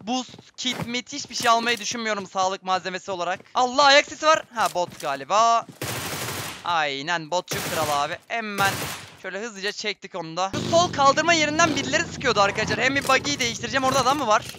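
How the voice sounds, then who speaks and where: A man giving excitable, running commentary on his own gameplay, often exclaiming when things go wrong. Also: high-pitched, fast, noisy background. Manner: excitable, swears and exclaims at deaths. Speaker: gaming streamer. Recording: game sounds and gunfire behind voice.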